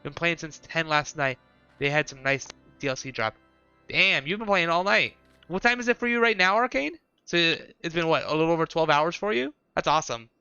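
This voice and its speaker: Bright-voiced man streaming a game. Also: on the high side, expressive, a little fast, clean tone, dry recording, soft background music. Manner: chatty, talks to chat viewers. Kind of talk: casual live-stream game commentary. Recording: dull lo-fi stream audio.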